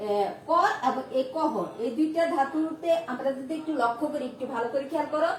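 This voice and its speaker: Female teacher, high voice, repetitive questioning style, distant mic in an echoey room. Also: a little fast, darkish tone. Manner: repeats and asks rhetorical questions. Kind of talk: online grammar lesson.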